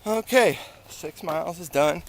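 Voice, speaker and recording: A man's voice: a little high, a little slow. A middle-aged American man talking casually in a rambling, conversational way as he records a running vlog outdoors. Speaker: running vlogger. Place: outdoors on town and semi-rural streets. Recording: loud outdoor ambience and traffic noise. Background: loud road and outdoor noise.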